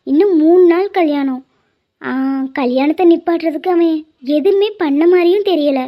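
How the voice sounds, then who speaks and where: A woman's voice: extremely high pitch, moderate pace. A woman voicing a chatty, curious young bride who teases in a bubbly way. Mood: earnest. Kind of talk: Tamil cartoon voice acting. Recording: muffled lo-fi audio.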